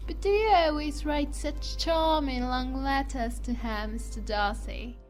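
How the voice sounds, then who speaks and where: Affected, gushing young society lady played by a woman, very high voice, period audiobook drama with faint music. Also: unhurried, darkish tone. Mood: flattering. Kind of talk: dramatised classic novel audiobook.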